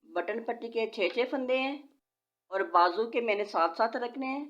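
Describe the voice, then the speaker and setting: At a normal speed and a fairly high pitch, this woman walks through knitting instructions step by step, counting her stitches aloud with patience. Her voice is a little altered by a sore throat, and the lo-fi home recording is dull.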